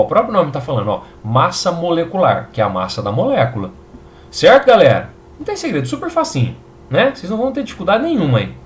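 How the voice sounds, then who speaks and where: A Brazilian man gives a recorded chemistry lesson in an upbeat, reassuring way, checking in with his students often. His pitch swings widely and animatedly as he explains. A faint hum of background noise sits under his voice. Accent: Brazilian Portuguese. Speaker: chemistry teacher.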